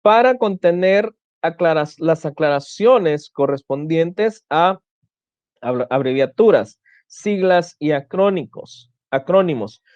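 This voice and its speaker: A man's voice: on the high side, darkish tone, no room sound. A man teaching an online class, explaining step by step and often restarting his phrases. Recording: dull lo-fi dry sound.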